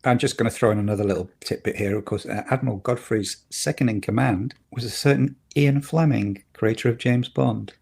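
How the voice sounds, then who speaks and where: A man co-hosting a podcast in casual chat, opinionated and getting animated when something annoys him. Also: mid-range voice, a little fast, gravelly, few pauses, slightly rough. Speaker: podcast co-host.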